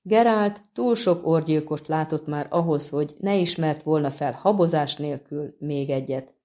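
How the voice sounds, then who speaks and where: Low-voiced woman reading an audiobook. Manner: calm, measured reading. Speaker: audiobook narrator. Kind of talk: scripted narration.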